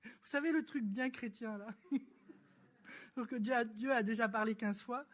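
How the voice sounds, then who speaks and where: High-voiced woman telling a church testimony. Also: a little slow. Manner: lively storyteller who acts out dialogue and laughs; chatty and informal, with frequent fillers. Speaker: church speaker giving a testimony. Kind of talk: sermon testimony, storytelling.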